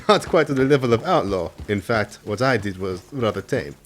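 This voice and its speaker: Lowish and spoken at a normal speed, this actor's voice is lightly acted as he portrays a friendly, earnest Mexican lawman in a radio drama. His character questions people politely and with a chuckle, lively and probing yet genial in mood.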